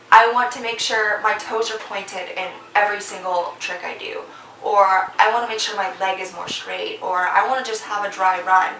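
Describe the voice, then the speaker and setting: Young woman vlogger, bright forward voice, chatty and encouraging; echoey room, a little off-mic. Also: mid-range voice, far from the mic, a little hiss or hum. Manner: chatty, encouraging, many fillers. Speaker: vlogger giving competition tips. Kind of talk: casual advice vlog.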